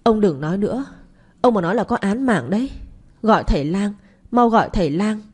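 A woman's voice: mid-range voice, lively intonation, fairly quick, darkish tone, slightly rough. A woman voicing a kindly older woman, the first wife, speaking frantically and urgently. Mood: frantic.

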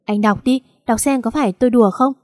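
A woman reading the story voices a wounded young woman in an audio drama. She speaks coldly and defiantly, in a fairly high, mellow tone. The sound is dry and close. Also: fast, no echo, close to an everyday voice. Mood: bitter. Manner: cold, defiant outbursts.

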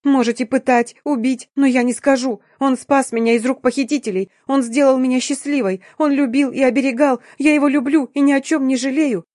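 A terrified young woman sobs and pleads in a high, strained, desperate voice, as the narrator puts her on. Her words tumble out loud and urgent, close and dry. Every phrase is raised and frantic. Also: fairly even intonation, a little fast, few pauses, dry recording, lightly acted. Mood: defiant. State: sobbing.

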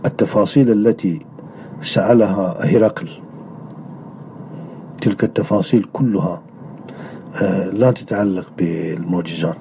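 A man delivering a religious lecture on creed in a measured way, often pausing on drawn-out hesitation sounds. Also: low voice, steady tone, vocal fry, mellow, slight background noise. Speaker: religious teacher. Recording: dull lo-fi recording.

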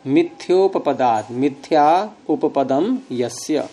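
Explaining grammar rules with patience, this male teacher puts questions to his students and teases them good-naturedly. His voice is a little high and expressive, and he talks slowly.

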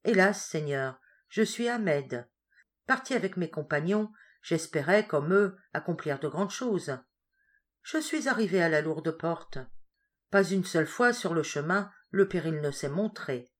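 A frail, gentle boy, read by a woman, speaks faintly and humbly. The storybook reading keeps a low, soft tone. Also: expressive, measured pace. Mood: humble. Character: weak, gentle dying boy Ahmed.

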